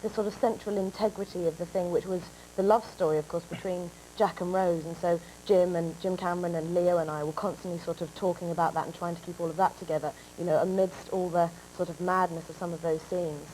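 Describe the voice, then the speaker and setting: A woman's voice: fairly low pitch, fast, few pauses, slight background noise, low-quality recording. A woman in her twenties with an English accent, a guest telling stories in a talk show interview. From England. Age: 20s. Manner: animated storytelling, breaks into laughter. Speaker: actress guest.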